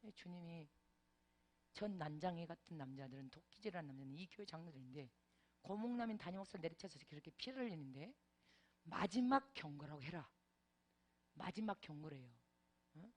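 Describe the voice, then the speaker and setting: A woman's voice: fairly low pitch, a little fast. A middle-aged woman preacher telling a vivid testimony in a sermon, with many exclamations and interjections. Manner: animated storytelling with frequent interjections.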